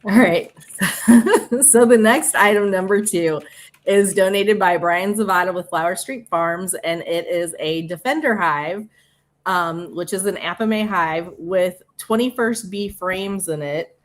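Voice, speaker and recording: A woman with a Midwestern accent hosts a casual livestream, running through announcements in a chatty way. Her voice sits a little low, and she drops in quick asides and laughs as she goes. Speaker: livestream host.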